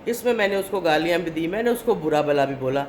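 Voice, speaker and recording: Animated and a little mellow, her fairly low voice comes with slight background noise. The Pakistani family vlogger talks straight to camera in an indignant, preachy tone, often finishing her points with "okay?".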